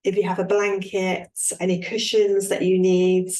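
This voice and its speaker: A medium-pitched woman acts as an instructor leading a guided relaxation, her speech calm and soothing with long, unhurried pauses.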